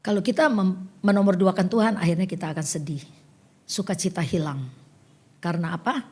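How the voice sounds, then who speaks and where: A woman's voice: on the low side, brisk, a little mellow, husky. An older woman preaching a sermon in a chatty storytelling way, acting out the conversations she tells.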